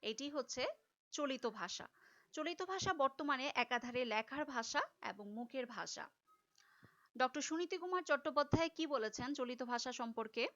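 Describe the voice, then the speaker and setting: A woman's voice: sits high, animated, normal speed, fairly bright tone, lo-fi sound. A woman teacher giving a recorded class lecture, explaining step by step and repeating key terms.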